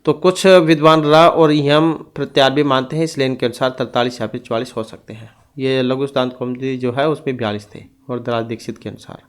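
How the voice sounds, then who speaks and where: A man's voice: medium pitch, steady tone, fairly quick, hardly any pauses, clean tone. A man teaching an exam-prep grammar lesson who reads out rules and goes through lists one item at a time.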